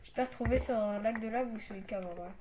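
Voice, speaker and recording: Hesitant high-voiced woman narrating gameplay. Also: fast, noisy background. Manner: hesitant, many fillers and restarts. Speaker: gaming channel host. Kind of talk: casual gameplay commentary.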